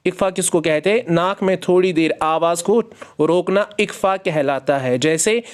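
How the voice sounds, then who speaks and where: Here a smooth, high-pitched male teacher guides Quran reading with slow, drawn-out letter-by-letter spelling. Between words he briefly explains the rules, asking himself questions and supplying the answers.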